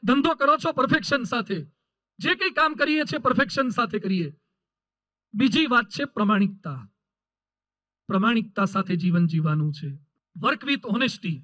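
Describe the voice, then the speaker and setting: Male preacher, very high sharp voice, emphatic sermon full of stories, dry close sound. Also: expressive, moderate pace, pauses often, no room sound, rough recording. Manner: emphatic, repetitive lists, voices characters in stories. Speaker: swami preacher. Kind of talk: sermon with anecdotes.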